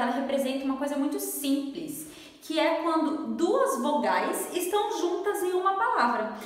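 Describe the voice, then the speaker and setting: High-voiced teacher woman in an echoey room. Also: a bit bright, recorded from a distance. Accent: Brazilian Portuguese. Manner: friendly, patient, stretches words out slowly when spelling them. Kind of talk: classroom lesson at a whiteboard.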